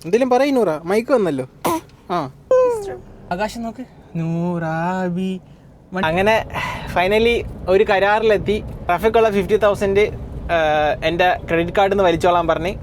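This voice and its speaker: A Malayali man from Kerala telling a family story, casual, laughing, talking loud from a car. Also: sits high, normal speed, pauses often, slight background noise. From Kerala, India. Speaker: family vlogger. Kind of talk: casual vlog chat. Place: in a car on city roads.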